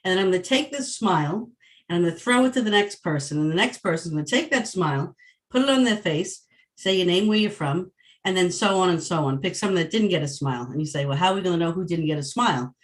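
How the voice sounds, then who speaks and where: A woman's voice: fairly low pitch, animated, fast. A woman from Long Island, New York, hosting an online meetup over a video call and playfully walking the group through an icebreaker. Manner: playful, explains the game step by step. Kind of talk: casual group facilitation.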